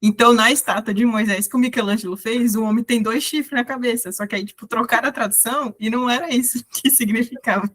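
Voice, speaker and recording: Fast-talking woman. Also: on the high side, fairly even intonation, a bit bright. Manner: chatty, shares trivia. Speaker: book club member. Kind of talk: casual group discussion.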